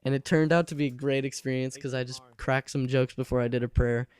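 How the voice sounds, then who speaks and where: A man's voice: mid-range voice, steady tone, brisk, a little mellow, clear, resonant tone. A teenage young man chatting casually over gameplay at home, rambling and laughing often. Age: late teens. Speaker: gaming channel host. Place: alone at home by his computer.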